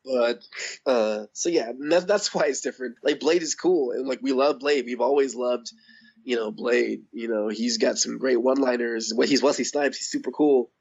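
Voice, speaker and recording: Hoarse, gravelly man losing his voice. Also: mid-range voice, moderate pace, darkish tone. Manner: rambling, enthusiastic, laughs often. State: hoarse, voice going out. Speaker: podcast guest. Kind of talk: casual interview chat. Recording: dull lo-fi audio.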